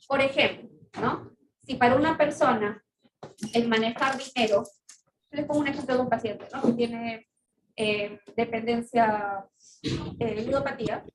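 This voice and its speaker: A fairly high-voiced woman lectures on psychiatry in a patient, explanatory way, often tagging lines with a quick check to her listeners. The voice sits back from the mic in a roomy space, with a faint hiss underneath. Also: far from the mic. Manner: explanatory, with frequent checking tag questions. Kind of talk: recorded class lecture.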